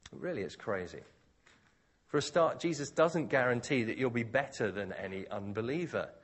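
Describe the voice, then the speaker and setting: A man's voice: normal speed, breathy edge. A man preaching a sermon, expounding scripture in a conversational, expository way. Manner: conversational, expository, with lively pitch.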